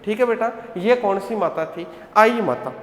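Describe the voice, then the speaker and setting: High-voiced man teaching in an echoey hall. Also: normal speed, a bit bright. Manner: drills students with repeated questions and answers; addresses students as "beta". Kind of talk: online coaching class lecture.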